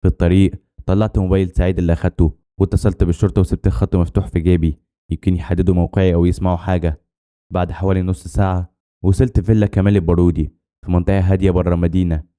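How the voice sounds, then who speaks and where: A man with an Egyptian Arabic accent narrates a suspenseful first-person tale at a breakneck pace. His voice sits low and dark, mellow rather than bright, and he tells the story in a tense, dramatic way. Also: little pitch movement, racing, clear, resonant tone.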